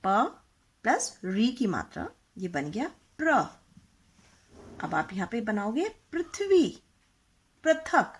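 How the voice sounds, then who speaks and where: Female teacher for young kids, slow and patient, sings up and down through her words, slightly husky. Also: medium pitch, very animated. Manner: patient, asks questions and repeats words for practice. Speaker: Hindi teacher.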